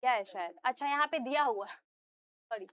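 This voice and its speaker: A woman's voice: on the high side, normal speed, clean tone, dull audio. A woman teacher giving a classroom lecture, explaining step by step, asking the students questions and often checking in with them. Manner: asks students questions and answers them herself.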